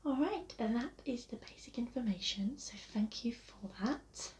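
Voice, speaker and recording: Playing a receptionist in an ASMR roleplay, this soft-voiced Englishwoman keeps things breathy and nearly whispered, pitched fairly high with lively intonation. She stays courteous, calm and reassuring, never rushing, like gentle customer service. Audio quality is lo-fi and muffled, with clear hiss underneath.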